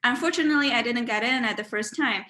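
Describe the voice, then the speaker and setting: Fast, bright, and forceful, her fairly high voice carries accented English as she answers interview questions by video call. She is a Chinese woman in her twenties, Mandarin native, a student sitting indoors at home, and she often hesitates, using fillers and restarting.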